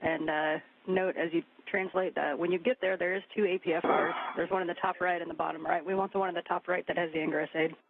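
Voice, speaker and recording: A man's voice: fairly high pitch, little pitch movement, quick pace, gravelly, hardly any pauses. A man at mission control giving clipped, procedural instructions over a crackly radio link like a spaceship communicator. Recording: tinny radio line with faint hiss.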